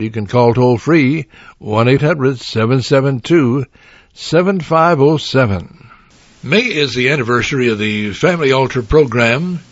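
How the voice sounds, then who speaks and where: A male radio announcer reading scripted program notes in a steady, measured voice. The sound is dry and close, with a dull, muffled top end. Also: medium pitch, dry recording. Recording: dull, dry studio recording.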